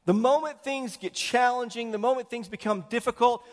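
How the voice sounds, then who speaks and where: A man's voice: very high voice, moderate pace, big-room sound. A male pastor preaching a conversational sermon and asking the congregation questions. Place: church sanctuary.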